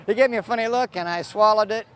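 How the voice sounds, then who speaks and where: High-voiced male sword swallower, plain-spoken. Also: fast talker, fairly bright tone. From Idaho, United States. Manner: plain-spoken, easygoing sword swallower explaining his act. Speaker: sword swallower and circus-style performer. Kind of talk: casual interview answers. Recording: noisy outdoor fair with crowd. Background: crowd and outdoor fair ambience.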